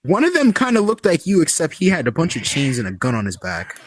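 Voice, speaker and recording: A man's voice: a little high, wildly swooping pitch, fast. A man voicing a dim, broke young male devil hunter in a fan parody, confused and whiny. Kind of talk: amateur fan parody voice acting.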